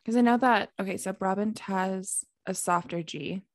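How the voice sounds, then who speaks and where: A young woman hosting a podcast interview, chatty and eager, with quick asides. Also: mid-range voice, dry recording, studio quality. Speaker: podcast host. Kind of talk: casual interview chat.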